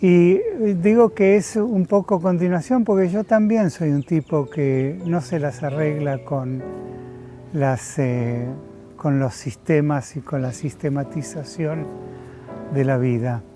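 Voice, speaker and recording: A man, speaking slowly and thoughtfully about his life, often pausing with filler sounds. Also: fairly high pitch, music in the background. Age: 70s. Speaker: interviewee. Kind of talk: reflective personal testimony.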